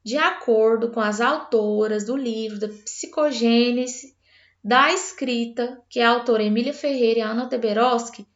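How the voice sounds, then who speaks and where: A woman's voice: on the high side, normal speed. Brazilian woman, teacher, literacy lesson, step-by-step explanations, roomy dull recording. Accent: Brazilian Portuguese. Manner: explains step by step, addresses viewer directly. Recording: roomy, slightly dull sound.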